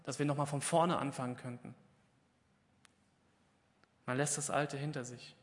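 Prediger mit hallender Kirchenstimme. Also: male voice, medium pitch, steady tone, normal speed, long reverb tail, slight background noise. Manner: conversational, asks questions and answers them himself; acts out the biblical dialogue with raised, emphatic voice. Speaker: preacher. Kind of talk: Pentecost sermon. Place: church.

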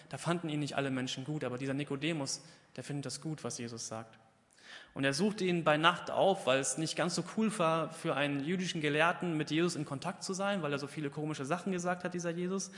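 A fairly high-voiced man preaches in a church, and his words ring out with a long reverb through the hall. He talks casually, puts questions to his listeners and answers them himself, and grows louder and more emphatic when he retells the biblical dialogue. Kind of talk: Pentecost sermon.

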